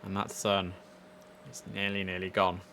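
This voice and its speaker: Indoors at his computer, a young adult guy streams gameplay live with friendly, eager chatter. His pushed, bright voice stays low with little pitch movement at a normal speed, and slight background noise can be heard.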